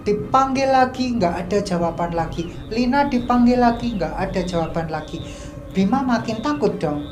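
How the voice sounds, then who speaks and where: A woman's voice: medium pitch, expressive, normal speed. A woman casually telling a mystical mountain story, chatty and full of slang and sound effects. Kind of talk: casual spoken horror storytelling. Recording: echoey room, faint music.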